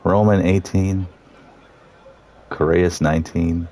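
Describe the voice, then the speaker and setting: A man commentating live on a sim race, reading out the starting grid in a relaxed, joking way. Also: low voice, takes it slowly.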